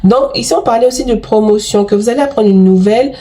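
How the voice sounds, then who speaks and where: A tarot and oracle card reader with a cold talks to her viewers in a fairly high, mellow voice, speaking fast. Her reading is chatty and effusive, packed with exclamations and fillers.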